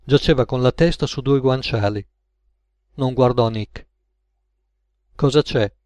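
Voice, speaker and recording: A man narrating an audiobook in a measured, even manner. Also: mid-range voice, no room sound. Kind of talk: audiobook reading.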